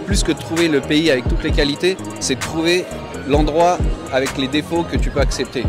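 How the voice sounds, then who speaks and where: A man from France giving relaxed, casual answers in a street interview. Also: on the high side, moderate pace, over music.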